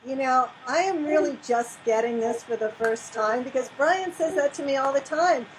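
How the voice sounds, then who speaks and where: A woman with a fairly high voice hosts an interview, eagerly recapping ideas and asking follow-up questions. A faint noise sits under her voice. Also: moderate pace, poor audio. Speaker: host. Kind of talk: interview conversation.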